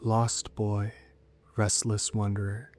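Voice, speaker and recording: A man voicing a seductive, menacing female demon in a horror story, coaxing and cryptic, with soft whispered turns. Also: fairly low pitch, flat delivery, slow. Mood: hypnotic, inviting.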